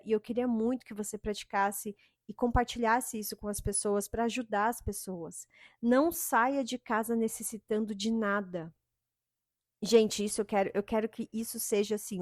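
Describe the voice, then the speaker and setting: A middle-aged woman, giving an animated spiritual talk as a yoga and spiritual teacher. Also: mid-range voice, no echo, studio quality. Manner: animated, acts out quoted inner voices with sighing "ai".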